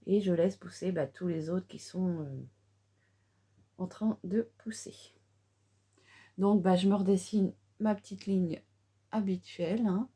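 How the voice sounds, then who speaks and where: A woman's voice: fairly low pitch, a little slow, long pauses, dark tone, husky. A middle-aged woman chatting through a casual makeup tutorial, with many fillers and restarts. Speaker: beauty vlogger.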